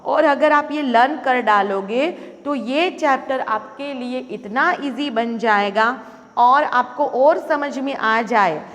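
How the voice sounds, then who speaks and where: A young woman teacher speaks slowly and patiently to young pupils, walking them through a grammar lesson step by step. Her voice sits high, and it rings out in a reverberant room. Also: fairly bright tone. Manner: patient, explains step by step to children, addresses them as kids. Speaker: primary school English teacher. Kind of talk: recorded video lesson in Hindi-English mix. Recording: long reverberant room sound.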